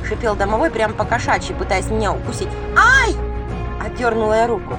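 A woman's voice: mid-range voice, fast. Woman narrating a storybook over music. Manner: lively, flustered first-person telling. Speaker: audiobook reader. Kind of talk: first-person storybook narration. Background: background music.

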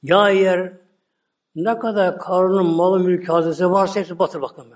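A man voicing a stern male prophet who gives loud commands. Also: high voice, fairly even intonation, moderate pace, pitched above the performer's own voice, lightly acted. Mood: commanding.

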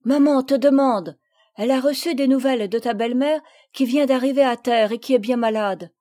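A woman's voice: high-pitched, brisk, warm tone, dry recording, clean studio sound, pitched above the performer's own voice, natural voice. A woman voicing a dutiful, kind eleven-year-old girl in a storybook reading, urgent and reassuring.

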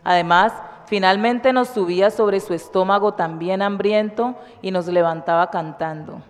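Woman reading her life story lively, long hall echo, soft music under it. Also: medium pitch, normal speed. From Cali, Colombia. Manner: chatty, laughing intro, then lively storytelling reading. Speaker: community participant reading from a women's book. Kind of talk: personal memoir reading. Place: community cultural house. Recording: long reverb with faint music behind.

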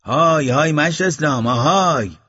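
A man voicing an insistent village elder who shouts and presses questions, in a dull lo-fi audiobook recording. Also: on the low side, breathy edge. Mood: calling out.

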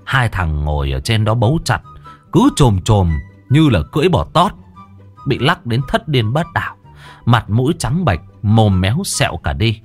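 A man narrating a comic folk-style story in a colloquial, crude and lively way. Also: lowish voice, moderate pace, faint music behind. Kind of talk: casual spoken story narration.

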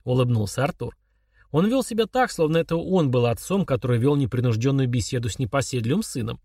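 A man reading a thriller audiobook as scripted narration in a measured storytelling way. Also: medium pitch, darkish tone, no room sound, clean studio sound.

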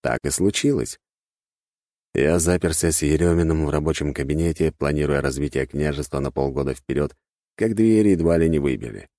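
Male audiobook narrator: deep, animated, wry; close dry mic. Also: brisk, no echo. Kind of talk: first-person audiobook narration.

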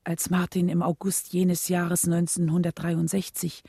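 An actress playing the earnest wife of a civil rights leader, looking back in measured, solemn radio drama narration. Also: female voice, lowish voice, monotone, gravelly, warm tone, slightly rough, no echo, clean studio sound, exaggerated voice.

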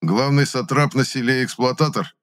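A man voicing a brash young male squad leader who talks in sharp, mocking, commanding bursts. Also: mid-range voice, normal speed, pitched above the performer's own voice, close to an everyday voice.

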